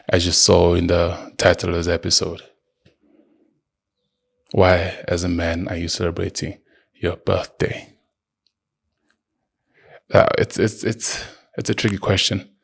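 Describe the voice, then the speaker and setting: A man in his early thirties hosts a solo motivational podcast, lecturing emphatically and addressing the listener directly in a deep, gravelly voice.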